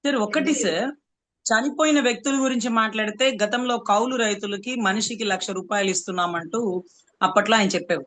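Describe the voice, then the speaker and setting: A woman's voice: on the high side, a little fast, fairly bright tone. A woman from Andhra Pradesh arguing hard in a political debate, sarcastic and full of rhetorical questions. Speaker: political commentator.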